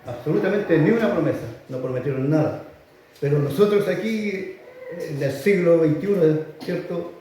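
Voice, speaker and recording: A man with a Chilean accent preaching a sermon emphatically and repetitively, often rising to loud exclamations in a church hall. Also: fairly high pitch, normal speed, recorded from a distance, a little hiss or hum. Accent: Chilean Spanish. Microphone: filmed for online viewers.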